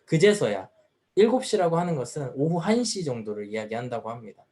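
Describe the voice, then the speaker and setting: A man's voice: mid-range voice, very animated, a little fast, a little mellow. A man preaching a sermon at a youth service as the pastor, earnest and full of rhetorical questions. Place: church.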